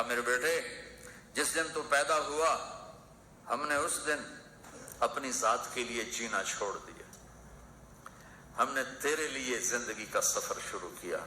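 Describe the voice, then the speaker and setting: A man's voice: mid-range voice, sharp tone, a little hiss or hum. A man preaching an emotional sermon in rhythmic, repeating phrases. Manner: impassioned, rhythmic repetition. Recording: echoey hall with faint ambience.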